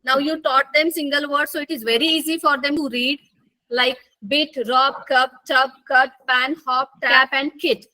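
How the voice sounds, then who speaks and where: A high-pitched woman leads an online phonics lesson. She speaks very slowly and spells words out letter by letter. Her voice is bright and clear. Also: steady tone. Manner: explains rules slowly with repetition, mixing Hindi and English. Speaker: phonics trainer teaching teachers.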